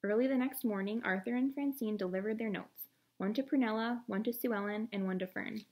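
A woman's voice: mid-range voice, a little fast, a little mellow. A woman reading a picture book aloud to children, adding short friendly asides to viewers. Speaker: story reader.

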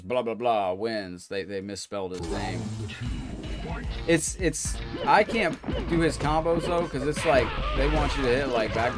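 A man in his late thirties, a gaming streamer, commenting excitedly while he plays and greets his chat, swearing casually. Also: lowish voice. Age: 30s. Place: home streaming room. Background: loud game music and fight sounds.

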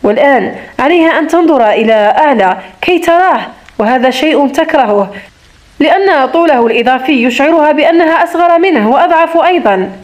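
High-voiced woman reading a romance novel. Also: animated, a little fast. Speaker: audiobook narrator.

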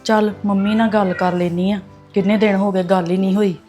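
A woman's voice: medium pitch, level tone, brisk, dark tone, faint music behind, close to an everyday voice. A woman playing a gossipy married daughter. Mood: chatty. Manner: chatty, gossipy. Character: married daughter phoning her mother.

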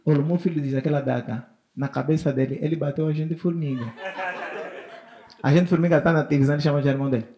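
A man's voice: fairly high pitch, steady tone, fast talker, dark tone, roomy sound. A man with an Angolan Portuguese accent doing stand-up comedy on a festival stage, telling family stories and acting out his son and wife in shifting voices.

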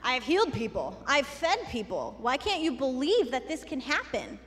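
A man's voice: very high voice, big pitch swings, moderate pace, a bit bright, long reverb tail, a little hiss or hum, full character voice. A woman telling a children's story voices Jesus as a grown man, exasperated and teasing at the crowd's unbelief. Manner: exasperated, incredulous.

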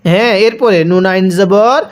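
A Quran recitation teacher spelling out letters and vowel marks one by one, then drilling each word slowly for listeners to repeat. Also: mid-range voice. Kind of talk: step-by-step recitation lesson.

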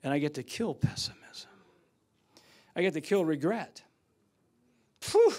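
An older man preaching a sermon in a church, telling stories and swinging from loud outbursts to hushed asides. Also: on the high side, normal speed, breathy edge. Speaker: guest preacher. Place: church sanctuary.

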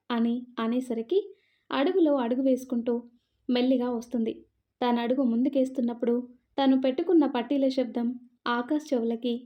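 A woman storyteller narrating a romance story in a calm, even manner on a slightly muffled recording. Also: high-pitched.

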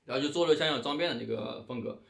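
A man's voice: medium pitch, very fast, creaky, a bit bright. A man, casually explaining things step by step in an interview and repeating phrases. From China. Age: 20s. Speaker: professional gamer, interviewee. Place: hotel room at night, indoors. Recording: echoey indoor room.

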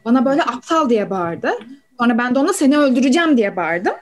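A woman's voice: a little high, sing-song, fast. A woman playing a hesitant juror. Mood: recounting. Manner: hesitant, questioning. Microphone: video call.

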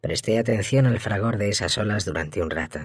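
A man narrating an audiobook in a measured, steady reading. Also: on the low side, dry recording, clean studio sound.

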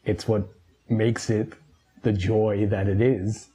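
A man's voice: fairly low pitch, little pitch movement, takes it slowly, warm tone. A middle-aged man in casual food-review chat, jokey and opinionated as a co-host. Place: small indoor room at a table. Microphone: lapel mic.

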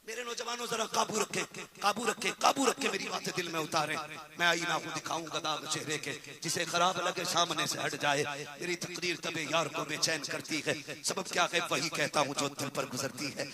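A man preaching a sermon to a large religious gathering, telling a story dramatically and swinging between loud exhortation and hushed narration. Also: fairly high pitch, steady tone. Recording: big crowd audible behind the speech. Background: crowd.

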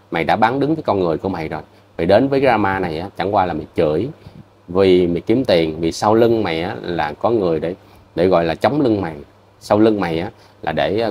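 A man's voice: low-pitched, darkish tone. A man with a Southern Vietnamese accent, addressing his viewers in a heated commentary rant. He scolds bluntly and repeats himself. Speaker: vlogger.

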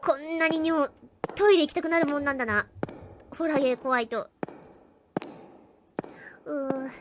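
A woman's voice: high voice, normal speed, noisy background. A woman streaming a horror game, chatting nervously and joking about herself as she plays. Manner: jittery, chatty, self-mocking. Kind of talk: live game commentary.

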